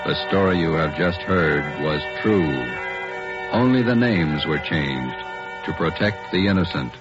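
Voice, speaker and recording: A husky American man announcing emphatically in 1940s radio style. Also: deep voice, animated, unhurried. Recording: dull old radio recording, faint music.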